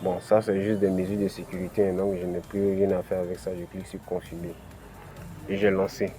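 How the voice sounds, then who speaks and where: A crypto channel host speaks in a low, mellow, level voice at a fairly quick clip. With an African French accent, he takes viewers step by step through a screen-recorded tutorial, using many "ok" and "voilà" fillers.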